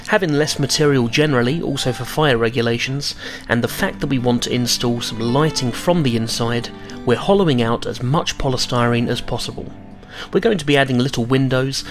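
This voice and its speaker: A man giving a scripted voice-over narration, explaining workshop steps in a measured, matter-of-fact way. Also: mid-range voice. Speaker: studio narrator.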